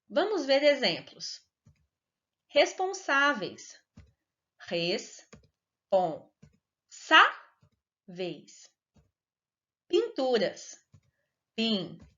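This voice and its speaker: Woman teaching children, lively and sing-song. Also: high voice. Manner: slow, clear and sing-song, stretching words to stress syllables. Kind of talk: recorded lesson for children. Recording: dull lo-fi recording.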